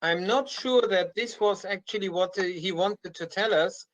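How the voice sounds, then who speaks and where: A man's voice: high voice, moderate pace, fairly bright tone, low-quality recording. A man hosting an online conference, moderating and handing the floor from one speaker to the next.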